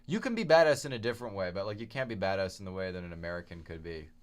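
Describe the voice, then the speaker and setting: A man's voice: deep voice, animated, very fast. A young man co-hosting a podcast in casual chat, opinionated and talking in long stretches. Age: young adult. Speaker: podcast co-host.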